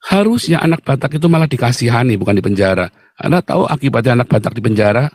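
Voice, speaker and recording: A middle-aged man preaching an impassioned sermon, swinging between loud high outbursts and low asides and acting out quoted voices. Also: animated, fast talker, husky, no room sound.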